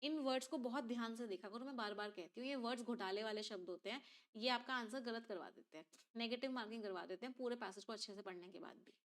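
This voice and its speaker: Walking her class step by step through an exam passage, a woman teacher speaks at a quick pace in a voice that's a little high. The reading-comprehension lesson is full of questions she keeps putting to her students.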